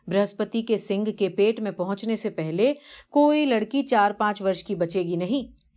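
A woman's voice: medium pitch, darkish tone, natural voice. A woman doing an insistent, reproachful wife. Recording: dull lo-fi recording.

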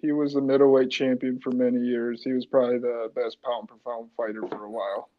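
A man's voice: medium pitch, level tone, a little fast. A man hosting a casual sports chat with friends. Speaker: sports talk show host. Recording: dull, lo-fi microphone sound.

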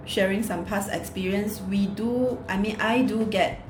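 A woman's voice: medium pitch, normal speed. A Singaporean woman co-hosting a video in casual Singlish, with local particles and phrasing. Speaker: video co-host. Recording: roomy echo with music behind.

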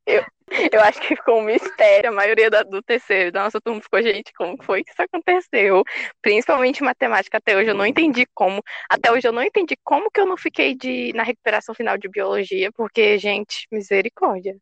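Young woman student, kinda high and creaky, candid and fed up, dry sound. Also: fast, fairly bright tone, no echo, dull audio. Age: young adult. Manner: candid, exasperated, frank. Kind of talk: casual chat.

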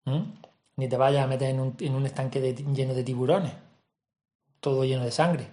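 A calm man gives a gentle, reflective self-help talk. His voice is warm and mellow, and it rings a little in a roomy space. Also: medium pitch, normal speed. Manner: calm and gentle, often checks in with a soft "mm?". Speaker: personal development speaker. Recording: roomy echo.

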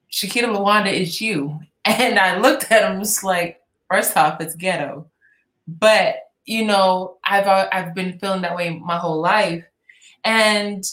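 A woman's voice: on the low side, a bit bright, reverberant, low-quality recording. A woman being interviewed as a guest, speaking candidly and laughing easily about personal matters. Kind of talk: casual chat.

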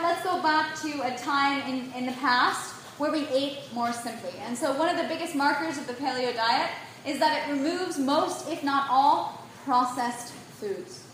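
A woman with a high, bright-pitched voice lectures on nutrition to a live audience. She speaks emphatically and keeps checking in with her listeners. The sound bounces heavily around a reverberant room, with a faint hiss underneath. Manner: emphatic and animated. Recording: very echoey room.

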